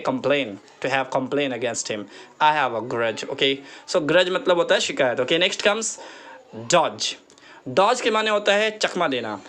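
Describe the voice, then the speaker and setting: Man, teacher, slightly high pitch, repeats each word, quizzes the viewer. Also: fairly bright tone. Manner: repeats words slowly, asks the viewer questions. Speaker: English teacher. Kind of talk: spoken English lesson.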